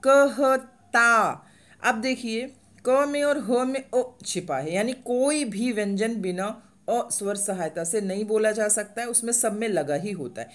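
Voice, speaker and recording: A woman teaching reading step by step, asking the viewer questions and slowly drawing out each syllable as she sounds it. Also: medium pitch, expressive. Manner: slow, drawn-out sounding out of syllables; asks the viewer questions and answers them. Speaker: Hindi teacher.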